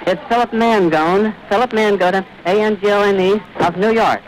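A male radio reporter giving vivid, urgent live commentary outdoors at an airfield, pausing to catch his breath. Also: high-pitched, poor audio. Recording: old 1930s archive radio recording with hiss.

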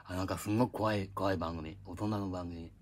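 An older man, reminiscing in a rambling, gruff casual monologue recorded on an iPad. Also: deep voice, steady tone, fairly quick. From Japan. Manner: reminiscing, drifting between tangents, gruff casual speech. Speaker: vlogger.

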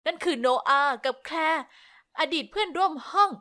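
A young woman narrating a first-person story in a lively, confiding way. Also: very high-pitched, moderate pace. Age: young adult.

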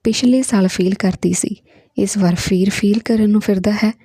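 A woman's voice: medium pitch, moderate pace, dark tone, husky, no room sound, studio quality, close to an everyday voice. Woman voicing a spiteful scheming male teacher. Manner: biting, mocking, talks while chewing his words.

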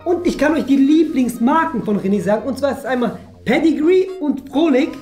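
A young adult man hosts a YouTube video, answering viewer questions with playful, teasing casual banter while seated at a table in a furnished indoor room. His voice is extremely high with lively intonation, slightly fast and darkish in tone, and the recording has roomy echo with music underneath.

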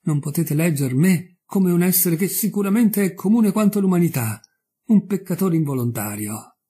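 A man's voice: sits high, expressive, normal speed, warm tone, breathy edge, voice pushed up. A man voicing a desperate male murderer who pleads with passion in an audiobook reading. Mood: pleading. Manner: impassioned, anguished.

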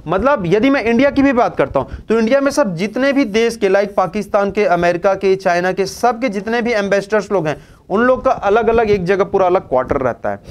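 A man's voice: high-pitched, animated, fairly quick. A young man teaching a current affairs lesson for exam preparation in a chatty way, asking questions and answering them himself and mixing English terms into Hindi. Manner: chatty, asks and answers his own questions.

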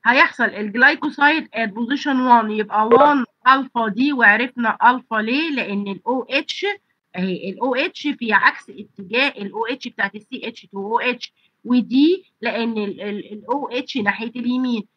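A woman's voice: a little high, fairly quick, husky, dry recording, highs cut off. A woman lecturer with an Egyptian accent and a blocked nose and throat, teaching an online class and asking and answering her own questions. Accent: Egyptian Arabic. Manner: asks students rhetorical questions and answers them. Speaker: pharmacy college lecturer. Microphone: computer mic on a video call.

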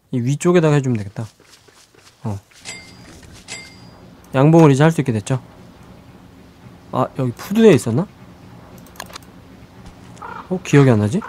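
A man with a fairly high voice gives chatty, live let's-play commentary on a survival game. He answers his viewers' questions and talks to the game's creatures as he plays. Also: a little mellow, a little hiss or hum. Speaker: game streamer.

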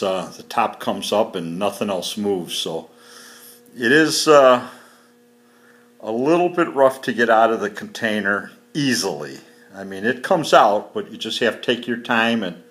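Walking casually through his home garage with a handheld phone, a home mechanic reviews a tool in an unscripted video. His voice is fairly low but a bit bright, and he talks off the cuff in a matter-of-fact way with plenty of fillers.

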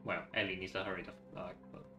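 A gaming video host gives casual gameplay commentary, rambling as he thinks aloud and reads game text out. His low voice is level in tone and quick-paced. The recording has a roomy echo with faint music in the background.

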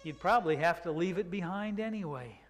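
Older man preaching in a reverberant church. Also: high voice. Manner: reflective, unhurried, with drawn-out emphasis. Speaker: pastor. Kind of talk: sermon. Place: church sanctuary, speaking from the pulpit. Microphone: pulpit microphone.

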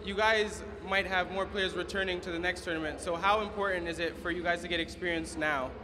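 High-voiced male interviewer in an echoey arena. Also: fairly even intonation, brisk. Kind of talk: post-game interview questions. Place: indoor arena. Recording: reverberant arena with background noise.

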